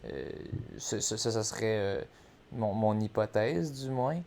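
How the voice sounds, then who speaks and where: A man with a Quebec French accent talking casually and speculating, haltingly, with repeated words. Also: on the low side, vocal fry, darkish tone, slight background noise.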